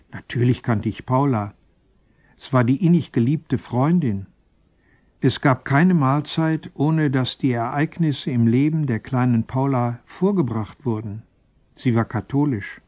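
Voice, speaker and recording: A man reading a first-person story aloud in a calm, solemn, measured manner. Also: mid-range voice. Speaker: narrator.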